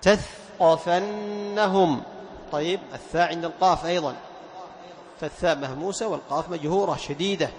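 A man teaching a class on Quran recitation rules, stretching out example words slowly and quizzing his students with questions. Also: fairly high pitch, a little hiss or hum.

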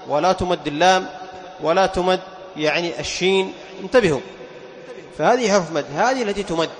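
A man's voice: high-pitched, in a large hall, slight background noise. A man teaching Quran recitation rules in a lesson, explaining patiently, repeating key points and asking his students rhetorical questions. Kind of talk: classroom lesson on tajweed.

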